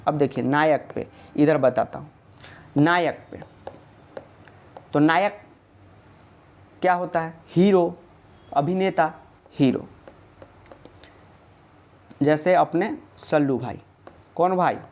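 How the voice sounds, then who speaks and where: A man's voice: a little high, slow, pauses often, darkish tone. A man teaching a casual online video lesson. He asks questions and answers them himself, joking with students and reassuring them.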